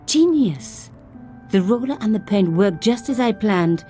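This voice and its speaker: A woman's voice: medium pitch, expressive, measured pace, warm tone, faint music behind, lightly acted. An actress voicing a young woman journalist who narrates her sleuthing with dry, self-mocking asides. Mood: wry. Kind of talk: game voice-over narration.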